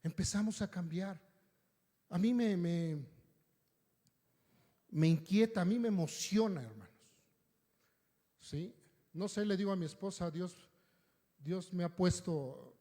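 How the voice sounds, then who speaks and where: A man's voice: a little high, dark tone. A male pastor, preaching in a conversational, story-telling way and often checking in with his listeners. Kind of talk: storytelling sermon. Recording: long hall reverb.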